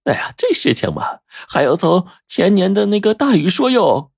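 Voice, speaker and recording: A man's voice: high-pitched, big pitch swings, normal speed, vocal fry, husky, dry recording, clean studio sound, pitched above the performer's own voice, heavily acted. A man voicing a chatty, gossiping middle-aged village landlady, full of exclamations and fillers. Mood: storytelling. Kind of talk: audiobook character voice.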